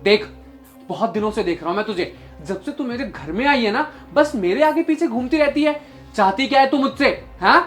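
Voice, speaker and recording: Acting in a short film, a young man with a very high voice plays an arrogant, short-tempered boss who scolds his maid harshly and with contempt. His angry delivery is a little fast with lively intonation, over soft background music.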